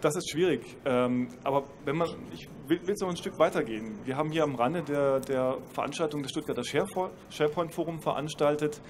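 Professor guy on a fair stage panel, dry ironic, bit high voice, faint hum behind. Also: fairly quick, hardly any pauses. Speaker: university professor. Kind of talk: panel discussion. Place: stage at a trade fair hall. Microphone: handheld mic.

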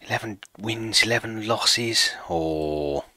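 A man in his late thirties streams a football management game from his home desk, chatting casually with viewers, mocking himself and reading chat aloud. His voice is fairly low, slow, bright and forceful, in a dry recording.

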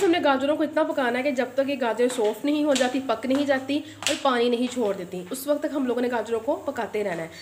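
Her high voice carries over slight background noise in an echoey kitchen loud with sizzling and clanking pans. She's a chatty home cooking host who addresses viewers directly, often adding a pious phrase, as she demonstrates a recipe step by step at the stove.

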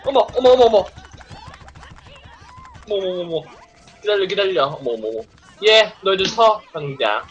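A man's voice: sits high, animated, normal speed, pauses often, faint music behind. A man streaming a racing game live, chattering nonstop with exclamations, teasing and playful swearing. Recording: dull lo-fi stream audio with faint hiss.

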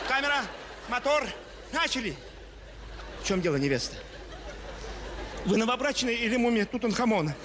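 A man's voice: very high voice, noisy background. A man performing a stand-up monologue as an exasperated film director, barking orders at actors in a bossy way, recorded live on stage with an audience laughing. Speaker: stand-up comedian.

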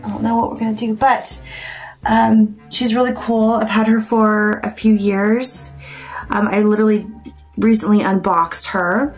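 A woman in her forties with a mid-pitched voice talks casually to her viewers. She rambles and thinks out loud, halting between phrases as a channel host would in an unscripted update. Faint music sits behind her. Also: flat delivery, rough recording. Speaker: paranormal vlogger and channel host. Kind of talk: casual chat to camera. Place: small plain room indoors.

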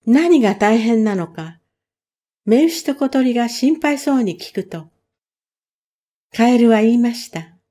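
A woman reading a children's story aloud in a calm, measured way. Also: fairly high pitch. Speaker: reader. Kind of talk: storybook narration.

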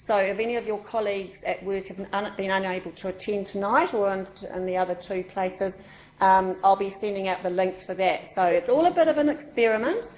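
Her mid-range voice is brisk and a little mellow. An education session organiser with a New Zealand accent casually welcomes a group in a meeting room, chatting with many ums and restarts, captured on a distant microphone in an echoey space.

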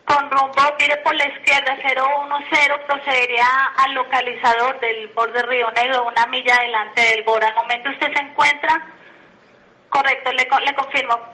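A woman's voice: sits high, level tone, normal speed, sharp tone, low-quality recording. A woman giving formal, procedural instructions as an air traffic controller over aviation radio. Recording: radio transmission with faint noise.

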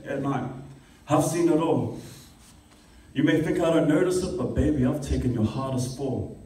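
A young man delivers spoken word poetry at an open mic, rhythmic and impassioned, his voice mellow and soft-edged. The sound comes from a camera across the room, so it carries a strong echo and a distant quality. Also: a little high. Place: classroom with a small audience. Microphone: stand mic, filmed by a far camera.

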